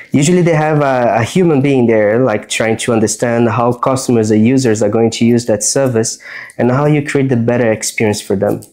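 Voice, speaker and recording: A relaxed Brazilian man, a guest who works as a design strategist, explains his work in a mid-range voice during a casual chat while getting a haircut at a barbershop. He comes across as earnest and restarts words as he explains.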